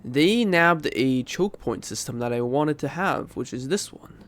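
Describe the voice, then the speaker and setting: Congested from a cold, this streamer comments on his strategy game in a mid-range, animated voice, speaking a little slowly. He muses out loud as he plays, wandering off track and revising what he says.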